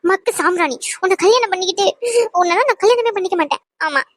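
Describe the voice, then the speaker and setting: A woman's voice: extremely high pitch, expressive, fast, fairly bright tone, no echo, clean studio sound. A woman voicing a bossy, exasperated young woman who keeps scolding her boyfriend with nagging sighs and exclamations in a cartoon. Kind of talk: cartoon voice acting.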